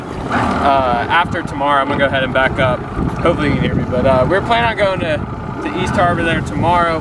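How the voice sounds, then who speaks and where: A young man chatting casually to a handheld camera outdoors and then on a boat, relaxed and rambling with plenty of "uh" and "you know". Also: fairly high pitch. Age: young adult. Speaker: fishing vlogger. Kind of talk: casual vlog narration. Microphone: handheld camera close to face, later camera mounted on boat. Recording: noisy outdoor camera audio. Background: wind, engine and water noise.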